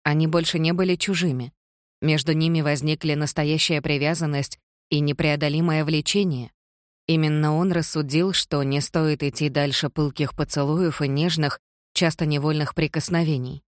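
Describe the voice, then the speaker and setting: An audiobook narrator reading a period romance in an even, measured way. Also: medium pitch, dry recording, studio quality. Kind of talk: scripted narration.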